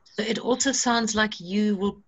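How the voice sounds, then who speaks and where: Lady running a garden workshop, husky voice, chatty and encouraging. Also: mid-range voice, unhurried. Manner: friendly, encouraging, practical. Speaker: workshop facilitator. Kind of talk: guiding an online seed-saving workshop.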